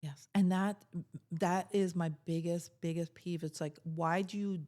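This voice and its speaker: A woman's voice: lowish voice, fairly even intonation, measured pace, dark tone. A middle-aged woman co-hosting a casual talk, speaking in an earnest, emphatic way with frequent restarts. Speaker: podcast co-host. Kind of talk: casual chat.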